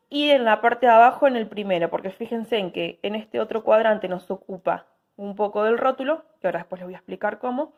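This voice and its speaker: Patient woman teaching a drawing class. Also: on the high side. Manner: patient, checks in with "¿sí?" after each step. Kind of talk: step-by-step drawing tutorial.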